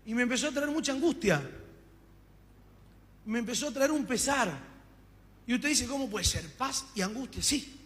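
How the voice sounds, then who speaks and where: A man with an Argentine accent preaches his own testimony, telling the story with fervor and acting out what each person said. His voice sits high. A long reverb trails behind him, as in a hall. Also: animated, moderate pace, pauses often, fairly bright tone. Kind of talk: testimony sermon.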